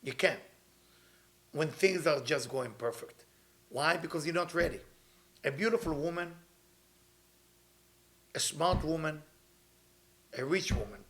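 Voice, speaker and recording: A kabbalah teacher, a man whose voice sits a little higher than most men's and is somewhat bright, gives a weekly spiritual talk with earnest conviction. Hebrew is his first language, and he circles back over phrases in loose, non-native grammar. He speaks at a measured pace, pausing often.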